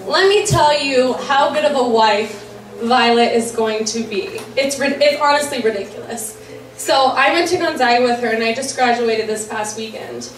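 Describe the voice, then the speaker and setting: A woman in her twenties giving a laughing, emotional wedding toast at a reception. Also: fairly high pitch. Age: 20s. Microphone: handheld microphone. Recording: echoey hall, distant mic, faint room noise.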